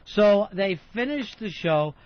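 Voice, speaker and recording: An American man hosting a radio show, casually telling animated anecdotes in a blunt, profane way and acting out quotes. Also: high voice, takes it slowly, no echo. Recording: dull lo-fi radio broadcast audio.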